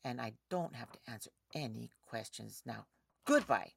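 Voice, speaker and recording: A woman's voice: extremely low pitch, animated, normal speed, vocal fry, a little hiss or hum, full character voice. An actress playing a stubborn woman who refuses to open her door, curt and defiant. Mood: firm.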